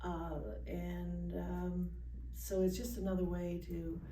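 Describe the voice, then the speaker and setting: A woman speaks casually as an event organizer being interviewed, in a relaxed conversational exchange. Her voice is low, dark, monotone, and slow. The recording sounds roomy, with a distant mic and faint noise.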